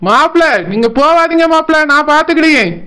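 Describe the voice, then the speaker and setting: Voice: sits high, a little fast, sharp tone. A voice actor playing a hot-headed, protective older brother who blusters defiantly, with a Tirunelveli Tamil accent.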